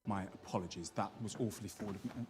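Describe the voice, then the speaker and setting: A man's voice: on the low side, fast talker, noisy background, natural voice. An actor playing a charming, bashful young nobleman courting a lady in a period TV drama.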